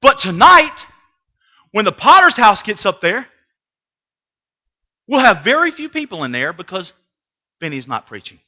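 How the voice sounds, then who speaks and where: A middle-aged man teaching a Sunday class in a church classroom, preaching with passion, repeating himself and swinging from hushed asides to loud outbursts. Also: sits high, very animated, a little slow, long pauses, low-quality recording. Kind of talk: sermon. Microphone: webcam.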